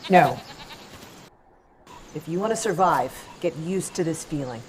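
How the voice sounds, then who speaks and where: An actress playing a secretive witch mother, speaking gravely and in hushed tones. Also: medium pitch, lively intonation, measured pace, a little hiss or hum, natural voice. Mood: stern.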